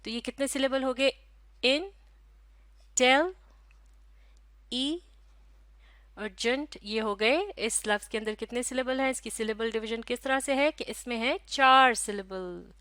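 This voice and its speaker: Patient, slightly high-voiced woman teacher. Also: pushed and bright, no room sound. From Pakistan. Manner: slow, patient, spells out syllables and repeats words. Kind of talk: recorded classroom lesson.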